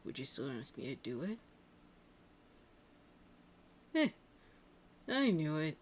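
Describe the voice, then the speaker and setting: A woman voicing a shy, flustered young male cartoon hedgehog hero in love, husky and hesitant, in an intimate ASMR roleplay. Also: low-pitched, big pitch swings, moderate pace, a little hiss or hum, voice pushed down. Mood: hesitant, soft. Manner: hesitant, stammering, bashful.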